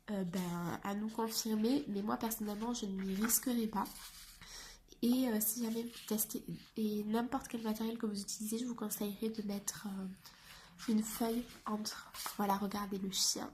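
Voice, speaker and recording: A woman reviewing a coloring book in a soft, often half-whispered voice, hesitant and chatty. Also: mid-range voice, noisy background. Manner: hesitant, with frequent fillers.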